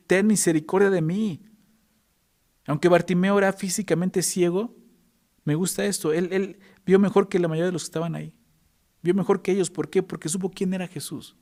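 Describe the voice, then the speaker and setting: A man's voice: fairly high pitch, vocal fry, a little mellow. A male pastor preaching a sermon, emphatic and full of rhetorical questions to the congregation.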